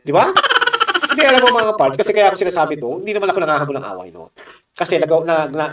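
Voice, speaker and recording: Fast, combative man in an echoey room. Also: high voice, expressive, far from the mic, heavy background noise. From Philippines. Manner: combative, mocking, rhetorical asides. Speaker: political commentator. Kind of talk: heated political commentary.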